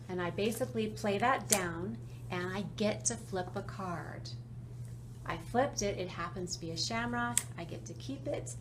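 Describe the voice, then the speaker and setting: Woman, mid-pitched voice, instructional game walkthrough, step-by-step, echoey room, background noise. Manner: step-by-step, demonstrative. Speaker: presenter explaining card game rules.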